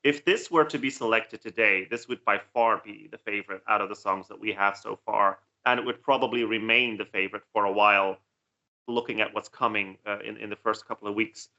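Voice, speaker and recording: A man co-hosts a casual reaction chat, laying out opinions in an analytical way. His voice is bright and forceful, and he often repeats words as he gathers a point. The recording sounds dull and lo-fi. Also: lowish voice, fairly even intonation, brisk. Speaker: co-host reacting to songs.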